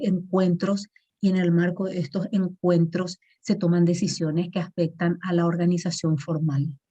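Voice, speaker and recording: A woman's voice: lowish voice, warm tone, muffled recording. A woman teaching an online management class, explaining patiently and checking in with frequent tag questions.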